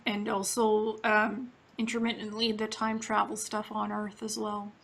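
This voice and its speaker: Flat, creaky woman interviewer. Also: medium pitch, measured pace. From Ukraine. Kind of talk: casual conversational interview.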